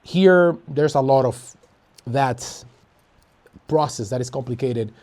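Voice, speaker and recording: A man with a soft-edged, mellow tone. He talks casually and emphatically, circling back over his phrases and posing rhetorical questions. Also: medium pitch, slow pace. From Latin America, Dominican Republic. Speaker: interview guest. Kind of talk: casual chat.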